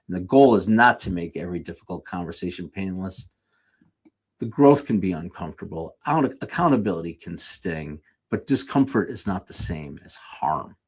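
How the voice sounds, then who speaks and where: A man's voice: low voice, expressive, moderate pace, husky. A man giving a conversational sermon with jokey asides, correcting himself mid-sentence as he goes. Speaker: speaker at a live church series.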